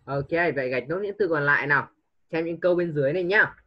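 Man, tutor, patient, coaxing, slightly high voice, dull lo-fi sound. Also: fast. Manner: patient, coaxing, mixes English prompts into teaching. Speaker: English tutor. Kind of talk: online one-on-one tutoring.

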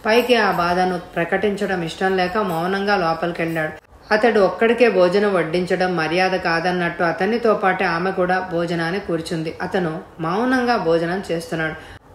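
A woman narrating an audiobook story in a steady, measured voice. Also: fairly low pitch, echoey room, a little hiss or hum.

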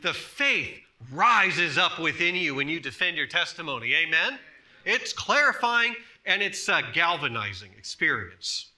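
Impassioned man preaching with bright tone. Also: fairly high pitch, very animated, unhurried. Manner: swings from soft hushed tones to loud emphatic bursts. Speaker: pastor. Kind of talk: sermon. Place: church sanctuary.

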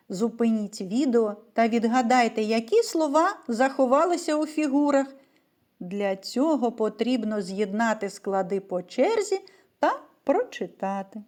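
A woman's voice: on the high side, a little mellow. A woman teacher leading a reading lesson for small children, asking questions and answering them in a patient, sing-song way. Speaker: primary school teacher. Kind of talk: slow, clear lesson for young children.

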